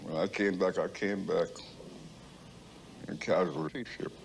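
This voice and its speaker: An elderly man with a very low, creaky voice, speaking as an old veteran remembering his war service. His account is personal and conversational, recorded with faint noise behind it. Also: fairly even intonation, a little slow, low-quality recording.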